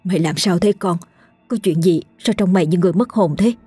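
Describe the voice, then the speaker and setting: A woman voicing a worried middle-aged mother who gossips in a hushed tone about ghosts and fusses over her daughter. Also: on the low side, brisk, slightly rough, no room sound, soft background music. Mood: urgent. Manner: hushed and confiding, then urgent.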